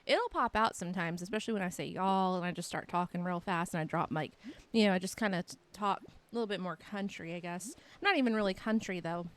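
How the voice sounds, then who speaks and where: A woman's voice: on the low side, fast, fairly bright tone. Chatty young woman with a light Texan accent. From Texas. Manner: rambling, chatty, lots of "like" fillers. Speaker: livestreamer. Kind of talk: casual chat with stream viewers.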